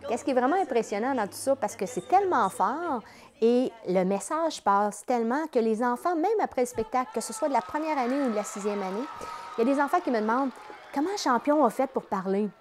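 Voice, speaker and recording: A woman's voice: fairly high pitch, expressive, brisk. A woman with a Quebec accent enthusiastically explaining her children's show in a promotional interview. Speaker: children's entertainer, company president.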